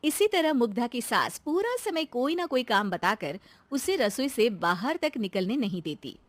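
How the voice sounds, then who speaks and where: High, lively woman storyteller. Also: normal speed, dry recording. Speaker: story narrator. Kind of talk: scripted cartoon story narration.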